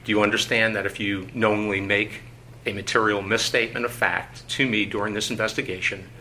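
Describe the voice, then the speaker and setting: A male investigator reading formal procedure in a measured, bureaucratic way, with many "uh"s, heard on an old recorded interrogation tape from a conference room. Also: lowish voice, little pitch movement, sharp tone, slight background noise, poor audio. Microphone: tabletop recorder.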